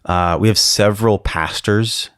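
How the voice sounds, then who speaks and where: A man's voice: lowish voice, steady tone, a little slow, fairly bright tone, clean tone, no room sound, clean studio sound. A man, a pastor, talking casually and reflectively in a conversation.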